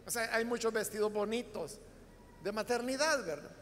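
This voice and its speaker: A pastor with a Salvadoran Spanish accent and a very high, fairly bright voice preaches a Bible study sermon at normal speed. He explains the text to his congregation using frequent rhetorical questions, in a big-room sound with slight background noise.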